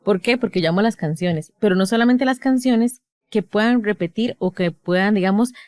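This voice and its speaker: A woman in her thirties with a Costa Rican accent, a speech therapist chatting casually on a podcast and acting out lively quotes from her sessions. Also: mid-range voice, normal speed, no echo. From Costa Rica. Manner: animated, acts out quotes from sessions.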